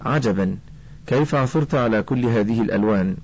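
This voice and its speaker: A man voicing an older male botanist scholar, speaking gently and slowly like a kind mentor. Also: medium pitch, slightly rough. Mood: kindly. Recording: dull lo-fi recording.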